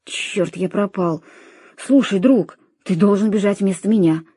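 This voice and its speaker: A woman voicing a nervous, excitable young man who talks in a hushed, urgent way. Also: mid-range voice, measured pace, slightly rough, dry recording.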